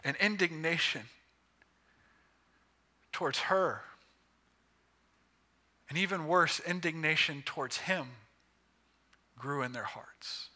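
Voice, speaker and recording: A man preaching a sermon with emphatic, measured phrasing broken by pauses. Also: on the high side, sharp tone.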